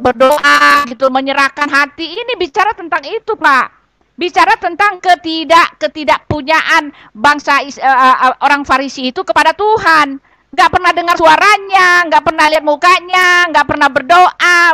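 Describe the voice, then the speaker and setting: A woman's voice: high-pitched, sharp tone, dry recording, clean studio sound. A woman answering a question in an online debate, reading and explaining verses earnestly. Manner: earnest, explaining, repeats "Pak" and "gitu loh".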